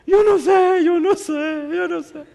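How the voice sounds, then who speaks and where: A man voicing a repentant young man who cannot stop crying, with high wailing sobs. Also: lively intonation, fairly quick, in a large hall. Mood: sobbing. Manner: wailing, sobbing high-pitched cries.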